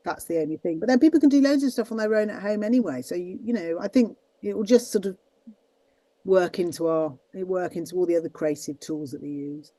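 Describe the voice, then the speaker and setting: A voice actress talking casually in an interview over a video call, rambling with many restarts. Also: female voice, fairly low pitch, brisk, mellow, no room sound, rough recording. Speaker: voice actress and guest; teaches students. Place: at her desk.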